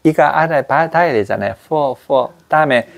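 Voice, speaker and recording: A man's voice: fairly high pitch, gravelly. Man teaching English pronunciation drills. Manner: explains slowly, drills pronunciation with repetition. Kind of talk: classroom grammar lesson.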